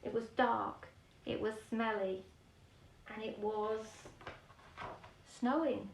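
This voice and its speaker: With a distant microphone and roomy echo, plus a little hiss or hum, a woman reads a children's bedtime picture book. Her voice is a little high with vocal fry, slow and fairly even in intonation, yet she reads expressively, chatting, explaining, and questioning young listeners.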